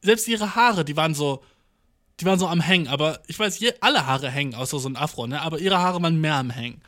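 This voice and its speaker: A young man with a slightly higher voice than most men tells a rambling everyday story. His talk is loose and slangy, full of swearing and English words dropped into his sentences. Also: quick pace, a bit bright. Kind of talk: casual storytelling monologue.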